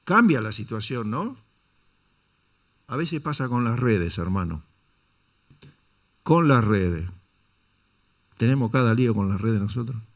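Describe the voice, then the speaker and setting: A man's voice: mid-range voice, lively intonation, a little slow, pauses often. A man preaching a Sunday sermon, asking the congregation rhetorical questions and calling them brother. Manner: dramatizes quotes with shifting intonation. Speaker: pastor.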